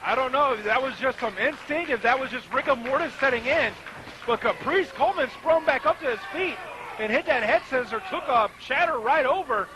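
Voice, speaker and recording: High-voiced male wrestling color commentator. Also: fairly quick. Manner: explanatory, conversational. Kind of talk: live analytical wrestling commentary. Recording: noisy live event recording.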